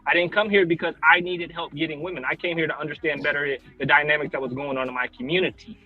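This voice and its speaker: A man arguing dismissively in a heated panel debate, with a husky, sharp voice and coarse language. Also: a little high, steady tone, quick pace, phone-quality sound. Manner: argumentative, dismissive, profane.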